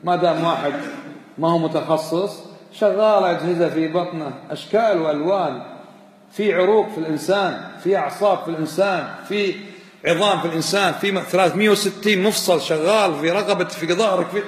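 A man teaching a religious lesson and explaining a text, lively and emphatic, chanting the verses he quotes. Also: high voice, fast talker. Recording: echoey hall with long reverb.

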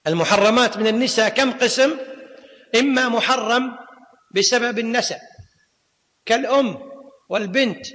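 High-voiced male teacher in a reverberant hall. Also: normal speed, long pauses, fairly bright tone. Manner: quizzes students, repeats key points. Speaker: teacher of Islamic law and grammar. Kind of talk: classroom lecture. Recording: long reverb of a lecture hall.

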